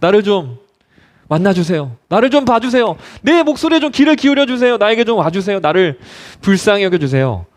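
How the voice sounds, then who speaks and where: A pastor voicing a desperate blind male beggar who pleads loudly and strains to be heard. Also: sits high, big pitch swings, a little fast. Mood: desperate pleading.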